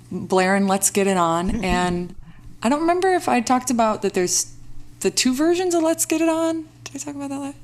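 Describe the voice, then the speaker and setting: Female guest, singer, casual and playful, middle pitch. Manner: animated, laughs often, playful. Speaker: guest recording artist. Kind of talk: casual podcast chat.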